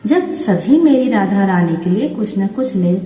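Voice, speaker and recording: A woman's voice: medium pitch, lively intonation, unhurried, warm tone, lightly acted. A woman voicing a devout old male saint in his eighties who speaks with earnest, longing devotion. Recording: roomy distant mic with long reverb.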